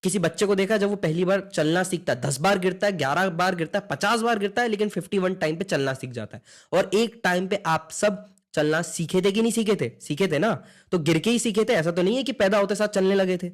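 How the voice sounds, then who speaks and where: High-voiced man teaching a language lesson. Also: fairly quick. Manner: motivational, addresses students as brother and guys, mixes English in. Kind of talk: online lesson.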